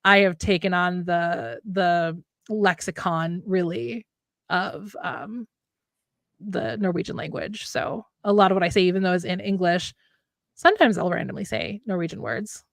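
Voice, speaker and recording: Her voice sits on the low side, creaky and a little slow, with no echo in the recording. This late-thirties woman, a writer co-hosting a live stream, chats casually and thoughtfully, wandering a bit and rewording herself as she goes.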